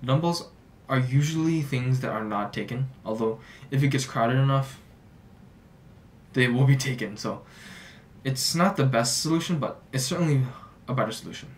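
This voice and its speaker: Young male fitness vlogger, relaxed filler-heavy delivery, mic a bit distant, faint hum. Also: mid-range voice, moderate pace, long pauses. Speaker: fitness YouTuber. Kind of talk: casual talking-head advice. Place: small home office, indoors.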